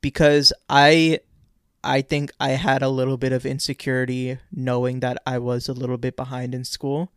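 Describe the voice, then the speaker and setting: A man's voice: mid-range voice, level tone, moderate pace, fairly bright tone, clean tone, no echo, clean studio sound. Rambling young man podcast co-host. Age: 20s. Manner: casual, rambling, repeats words. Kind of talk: casual chat.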